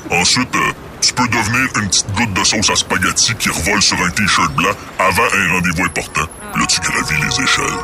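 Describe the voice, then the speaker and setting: A man's voice: low voice, brisk, pushed and bright, faint music behind. A man with a Québécois accent voicing a crude, boastful ex-professional droplet through a voice changer that disguises his voice, in a comedy radio sketch. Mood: smug. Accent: Québécois French.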